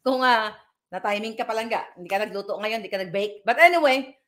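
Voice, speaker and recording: A woman's voice: mid-range voice, expressive, a little fast, a bit bright. A woman giving emphatic live vlog commentary, speaking directly to her viewers and reading their comments aloud. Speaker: political vlogger.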